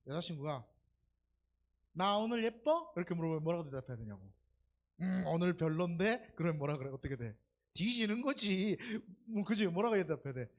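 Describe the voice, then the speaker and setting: A preacher giving a sermon in church during Sunday worship. The preacher talks conversationally, asks the congregation questions and acts out quoted dialogue. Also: mid-range voice.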